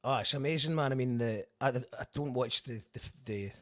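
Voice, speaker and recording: A man's voice: mid-range voice, normal speed, a bit bright, no room sound, clean studio sound. A man hosting a casual podcast interview, chatty, laughing easily and asking rambling questions. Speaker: podcast host.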